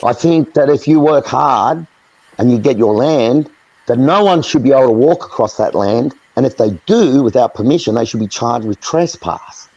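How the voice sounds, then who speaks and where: A man's voice: medium pitch, expressive, moderate pace, gravelly, a little mellow, husky, dull audio. An Australian man in a heated live chat, ranting angrily with lots of swearing. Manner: angry, profane, ranting.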